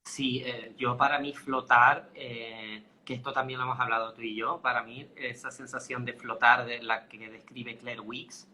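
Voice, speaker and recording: A man's voice: medium pitch, flat delivery, normal speed, hardly any pauses, bright, forceful tone. A man from the Canary Islands, a guest in a casual talk, reassuring and explaining with everyday images.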